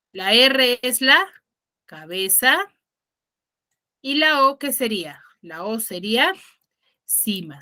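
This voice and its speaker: A woman teacher with a fairly high, pushed and bright voice gives a class online. Patient and explanatory, she leans on key words and keeps asking her students questions to check in.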